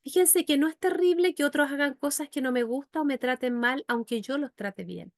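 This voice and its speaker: A woman's voice: sits high, moderate pace, dry recording, studio quality. A woman psychologist and educator giving a faith-based teaching talk, earnestly addressing her listeners with frequent rhetorical questions.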